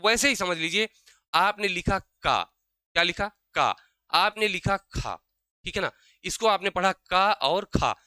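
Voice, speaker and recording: Bright, crisp-voiced male teacher. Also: high-pitched, no echo. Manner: repeats questions and answers them himself; slows down to spell out sounds. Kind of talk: exam-prep grammar lesson.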